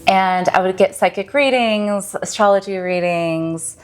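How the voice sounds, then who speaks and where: A woman's voice: mid-range voice, unhurried, clean tone. A woman in her thirties from Michigan, a guest healer telling her story in an earnest, reflective way. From Michigan, USA. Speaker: podcast guest, mystic and healer. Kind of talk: casual podcast interview.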